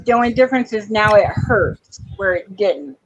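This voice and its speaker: A woman's voice: mid-range voice, expressive, moderate pace, slightly rough. Frank, wry woman on a dull line. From Florida. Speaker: guest in chat. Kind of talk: casual chat.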